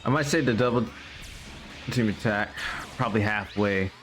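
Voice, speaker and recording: A man's voice: fairly low pitch, normal speed, fairly bright tone. Casual male game streamer over music. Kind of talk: casual live gameplay commentary.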